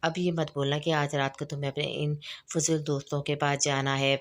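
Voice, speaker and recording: A woman's voice: sits low, little pitch movement, fairly quick, close to an everyday voice. A woman reading a novel aloud and voicing a young wife who answers her husband in a plain explaining tone. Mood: sulking. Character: young wife, defensive but soft.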